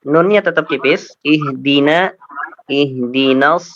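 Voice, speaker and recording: A man with an Indonesian accent teaching Quran recitation, patiently correcting pronunciation letter by letter and chanting verses slowly as models. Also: mid-range voice, fairly bright tone, no echo, dull audio. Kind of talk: tajwid lesson with slow model recitation.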